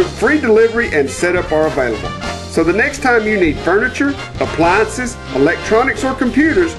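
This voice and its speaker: Chipper ad man with lively, high pitch. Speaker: ad spokesman. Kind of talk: chipper, upbeat TV ad read. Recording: music behind the voice.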